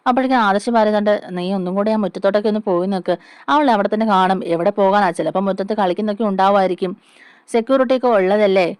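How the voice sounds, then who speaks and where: A woman's voice: medium pitch, quick pace, a little mellow, clear, resonant tone, no room sound, clean studio sound. A woman casually retelling a TV serial story in a chatty, conversational way.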